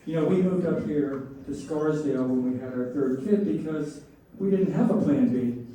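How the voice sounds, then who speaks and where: Middle-aged guy doing standup, kinda high mellow voice, pauses for punchlines, crowd laughter, really echoey room. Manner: setup-and-punchline delivery with pauses. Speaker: stand-up comedian. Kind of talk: stand-up comedy set to a laughing audience. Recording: roomy echoing live venue, distant mic, faint noise. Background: audience laughter.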